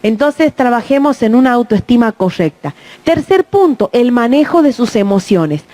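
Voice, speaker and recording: High-voiced woman giving a talk. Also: sing-song, normal speed, warm tone. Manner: acts out children's and adults' voices in quoted speech; checks in with the audience with "¿mm?". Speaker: speaker on child protection. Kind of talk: talk to parents.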